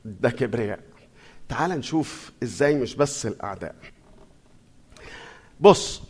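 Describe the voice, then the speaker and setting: A middle-aged man with an Egyptian accent preaching a sermon in a lively, conversational way, putting questions to his audience. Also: high-pitched. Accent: Egyptian Arabic.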